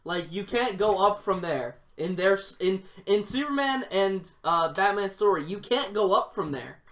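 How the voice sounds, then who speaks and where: A man's voice: high-pitched, lively intonation, normal speed, fairly bright tone. A man co-hosting a casual gaming podcast, joking around and laughing often, with many hesitant fillers. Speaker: podcast co-host.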